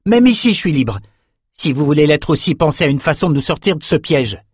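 A man's voice: fairly high pitch, big pitch swings, fairly quick, slightly rough, dry recording, studio quality, pitched above the performer's own voice. A man voicing a defiant young male swordsman held prisoner, speaking firmly and urgently in an audiobook. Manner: firm, urgent. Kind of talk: audiobook character reading.

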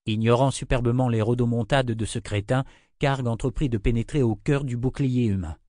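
A man reading a fantasy audiobook in a measured, steady narration. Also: medium pitch, dry recording, studio quality.

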